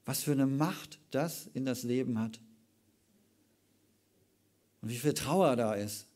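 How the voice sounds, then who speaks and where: A man preaching in a church service, retelling a Bible story in a lively way and adding casual asides. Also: mid-range voice, slow.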